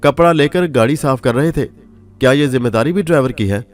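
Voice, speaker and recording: A man voicing a stern, gruff older patriarch. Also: mid-range voice, lively intonation, a little fast, faint music behind, lightly acted. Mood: angry. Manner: gruff, scolding, barking. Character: stern, hot-tempered older man, head of household.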